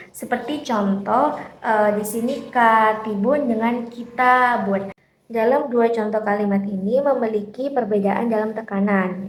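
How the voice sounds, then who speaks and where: A young woman from Indonesia talks through a linguistics lesson as a student presenter. She explains things steadily and pauses now and then for an "eh". Her voice bounces around a roomy space with a faint hiss of noise behind it. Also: mid-range voice. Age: young adult. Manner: steady explanatory delivery, occasional "eh" fillers. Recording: echoey room with faint background noise.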